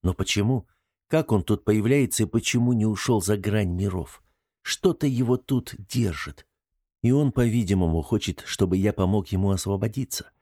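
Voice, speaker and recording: A man's voice: fairly low pitch, moderate pace, a little mellow, dry recording, studio quality, lightly acted. A man voicing a young man in an audiobook, teasing and dramatic. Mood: pondering.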